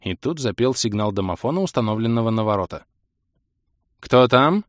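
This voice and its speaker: A man's voice: on the low side, expressive, fast talker, dry recording. Man narrating an audiobook, dry sound. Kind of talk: scripted narration.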